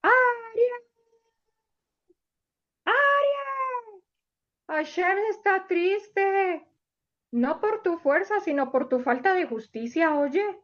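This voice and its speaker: A woman's voice: very high voice, lively intonation, very slow, pauses often, voice pushed up, exaggerated voice. A woman voicing a small parrot who calls out and scolds from a branch, on a dull lo-fi recording. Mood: scolding.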